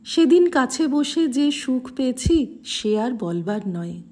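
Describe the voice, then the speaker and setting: A woman reading a devotional text aloud in a calm, measured and reverent way. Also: high voice. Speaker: reader.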